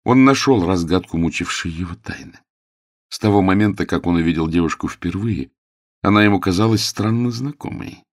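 Deep-voiced male audiobook narrator. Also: no room sound, clean studio sound. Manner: measured, expressive reading.

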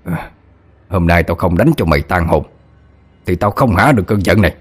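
A man voicing a stern male exorcist near sixty, gruff and commanding. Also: low voice, normal speed.

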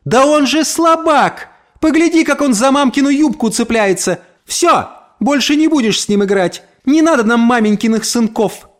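A man's voice: very high-pitched, moderate pace, few pauses, a bit bright, pitched above the performer's own voice. A man voicing a brash, crude neighbor woman with a mocking tone.

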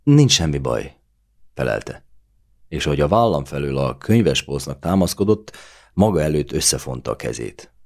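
A man narrating a novel in the first person as an audiobook, reading in a measured, even way. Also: rumbling low, creaky.

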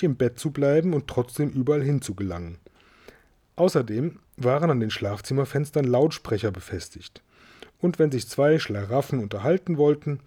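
Man reading a kids story out loud, steady and mellow, middle pitch. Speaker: audiobook reader.

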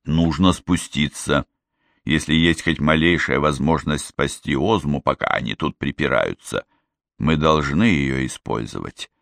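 Determined young fighter, deep and hushed, as the narrator voices him. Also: male voice, unhurried, vocal fry, dry recording, clean studio sound, heavily acted. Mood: urgent. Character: determined young male warrior.

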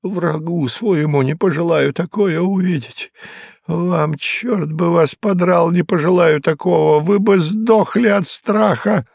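A hoarse, rasping, badly shaken drinker, sullen and quick to lash out, as a male audiobook reader puts him on. The voice sits well above the reader's own low register, strained and edgy, in a dry, close storybook reading. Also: no room sound, exaggerated voice. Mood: desperate. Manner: sullen, then bursting into shouts. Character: frightened, beaten, surly hard-drinking man.

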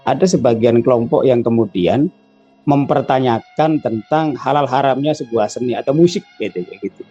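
A man's voice: medium pitch, moderate pace, mellow, breathy edge, dull audio, soft background music. A male host interviewing a cleric, asking questions and giving short acknowledgments. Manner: brief acknowledgments.

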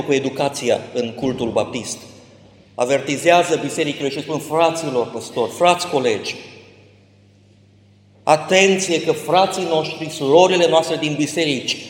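A man preaching an impassioned sermon as a pastor, swelling to emphatic peaks, in a church. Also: on the high side. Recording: echoey church hall.

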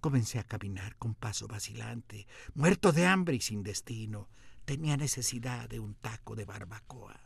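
Lively, theatrical man narrating. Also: medium pitch, moderate pace, gravelly, slightly rough, no room sound. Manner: lively, theatrical, self-mocking. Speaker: radio host and columnist. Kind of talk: humorous first-person story narration.

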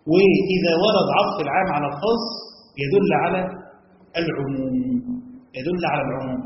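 A man with an Egyptian Arabic accent teaching a classroom lecture on Quran commentary, quizzing listeners with quick questions and reciting verses slowly. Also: sits high, a little hiss or hum. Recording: echoey hall, dull lo-fi sound.

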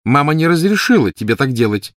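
A man voicing a shrill, disapproving older sister girl who scolds and shrieks. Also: big pitch swings, brisk, fairly bright tone, no echo, clean studio sound.

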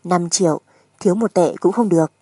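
A woman's voice: lowish voice, brisk, mellow, husky, no room sound. A woman narrator voicing a crude, spiteful gambler husband who speaks with mockery and menace in a dramatic audiobook. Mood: sneering.

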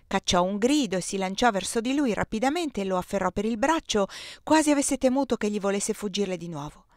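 A woman narrating a classic novel aloud in a measured, expressive reading. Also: lowish voice, dry recording, studio quality. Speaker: audiobook reader.

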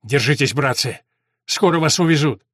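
A man's voice: mid-range voice, fairly quick, a bit bright, no echo, clean studio sound. A man voicing a tired, terse young lieutenant.

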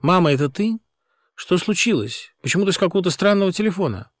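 A man's voice: sits high, lively intonation, quick pace, dry recording, studio quality, pitched above the performer's own voice. A man voicing a quarrelsome woman company director who screeches in anger and turns frantic on the phone.

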